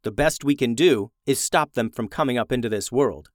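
A man voicing a calm young man in a storybook who can talk to animals, explaining things steadily. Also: medium pitch, moderate pace, no echo, clean studio sound, close to an everyday voice.

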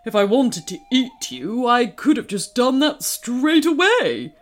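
A woman's voice: on the high side, sing-song, a little slow, voice pushed up. Woman voicing a playful, friendly dragon. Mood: teasing. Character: friendly, teasing male dragon, big and calm.

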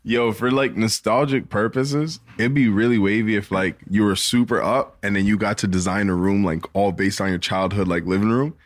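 A young man, co-hosting a podcast with slangy, excitable frat-bro banter and joking among friends. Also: lowish voice, moderate pace, hardly any pauses. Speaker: podcast co-host.

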